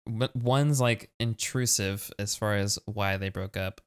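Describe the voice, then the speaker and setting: A man's voice: lowish voice, fairly even intonation, unhurried. A man giving casual let's play commentary, reading chat choices aloud, laughing often and swearing. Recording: keyboard typing noise clearly heard. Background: keyboard clicks and typing.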